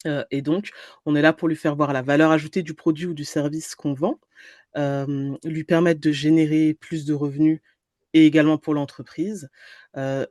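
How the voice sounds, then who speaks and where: A woman's voice: low voice, mellow, dry recording. Woman chatting, close dry sound. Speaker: podcast guest, entrepreneur and trainer. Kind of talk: casual conversational explanation.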